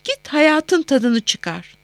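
A woman reader puts on a tender, fretting mother on the phone, her voice soft and soothing. It sits a little higher than the narration. The sound is dry and close. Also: big pitch swings, extremely slow, no room sound, exaggerated voice. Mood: fond worry. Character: warm doting middle-aged mother on the phone. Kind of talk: audiobook character voice.

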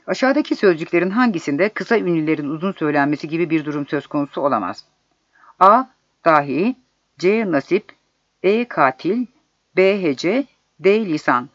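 A man reading quiz questions and their solutions aloud in a measured, deliberate way. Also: fairly high pitch, animated, fairly bright tone, no room sound. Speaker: exam prep narrator. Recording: dull lo-fi dry recording.

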